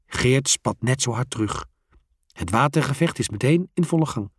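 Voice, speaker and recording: A storyteller reading a children's story aloud, slowly and expressively. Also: mid-range voice, slightly rough. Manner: slow, expressive.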